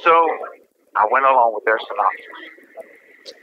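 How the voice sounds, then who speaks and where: A man on a prison phone line, telling his own story in a plain, halting way with many fillers. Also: medium pitch, fairly even intonation, no echo. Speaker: incarcerated interviewee. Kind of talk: casual personal account. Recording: dull prison phone line with music under it.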